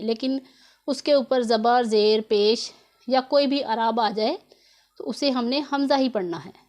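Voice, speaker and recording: A woman teaching Quran reading rules in a tutorial lesson, patiently repeating and drawing out each example word. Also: on the high side. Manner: slow and patient, drawing out example words syllable by syllable.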